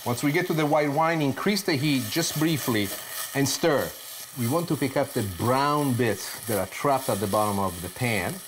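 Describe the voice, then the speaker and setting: A man's voice: medium pitch, a little hiss or hum. A middle-aged man hosting a cooking show in a home kitchen, explaining each step expressively and asking himself rhetorical questions. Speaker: TV chef host.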